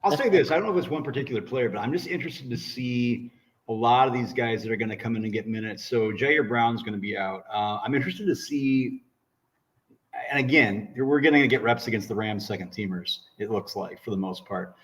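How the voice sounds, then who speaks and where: A man talks through a remote laptop connection that sounds hollow and cave-like, as if from a bare echoey space. His delivery is halting and casual, full of restarts as he works out his thoughts on the game. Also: medium pitch, far from the mic. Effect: echoey, cave-like sound on a remote call. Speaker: co-host joining remotely. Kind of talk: casual sports chat. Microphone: laptop and camera on a remote call.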